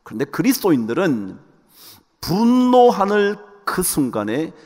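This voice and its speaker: A male pastor preaching a sermon with animated delivery, often turning to address the congregation directly. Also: sits high, unhurried. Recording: hall reverb.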